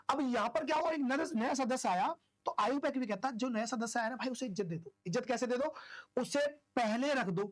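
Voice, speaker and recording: A woman teaching an online chemistry class, chatty and informal, who keeps asking questions and answering them herself. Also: on the high side. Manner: chatty, asks and answers own questions, homely analogies.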